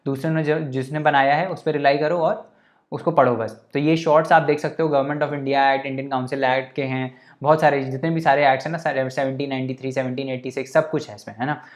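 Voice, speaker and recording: A man's voice: medium pitch, fairly even intonation, a little fast. A man giving a casual coaching lecture for exam prep, talking conversationally, mixing in English terms and often checking that listeners follow. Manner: mixes English terms into Hindi.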